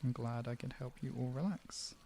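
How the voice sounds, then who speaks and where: This medium-pitched male voice is warm and moves at a normal speed, with a slight hiss or hum behind it. As a live stream host who also guides relaxation, he chats informally and off the cuff with his viewers, wandering and leaving thoughts unfinished.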